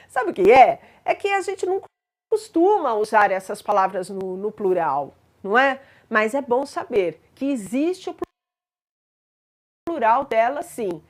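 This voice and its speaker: A woman teaching grammar in a patient explanatory lesson, spelling out examples and checking in with listeners. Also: fairly high pitch.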